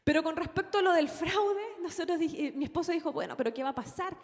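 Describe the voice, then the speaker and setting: A woman's voice: very high-pitched, fast talker, big-room sound. A young woman preaching a sermon, telling a personal story earnestly and addressing the congregation as brothers.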